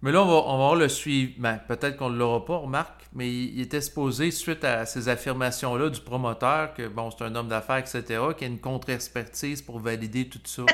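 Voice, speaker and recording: A man, leading a casual discussion in a measured, hesitant way with frequent pauses. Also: mid-range voice, fairly even intonation, fairly bright tone. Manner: measured, hesitant, restarts with "euh".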